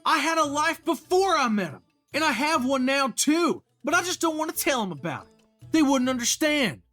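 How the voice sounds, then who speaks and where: A man doing a high twangy country deer youth, with music. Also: very animated, normal speed, sharp tone, heavily acted. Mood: earnest. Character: young country deer man, defensive and earnest.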